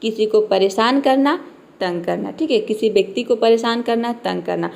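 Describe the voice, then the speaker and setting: Fairly high-voiced woman teaching words. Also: vocal fry, darkish tone. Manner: spells words letter by letter, slows on English words; keeps repeating "theek hai". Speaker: English teacher. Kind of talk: spoken vocabulary lesson.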